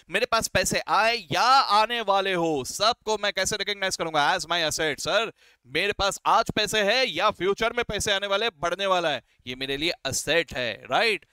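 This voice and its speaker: A man's voice: high voice, bright, forceful tone, smooth, no echo. A man teaching a beginners' accounting lesson, explaining step by step in a friendly, encouraging way and constantly checking "right?" and "okay?". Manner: friendly, encouraging, calls students "beta" and "sir". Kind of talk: classroom lecture mixing Hindi and English.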